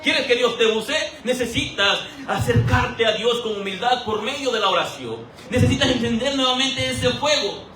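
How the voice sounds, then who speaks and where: High, bright-voiced preacher in an echoing church. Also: male voice, normal speed, hardly any pauses, slight background noise. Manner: animated, rhetorical questions, acts out quoted voices for humor. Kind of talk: sermon. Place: church hall. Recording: roomy echo, voice from a distance.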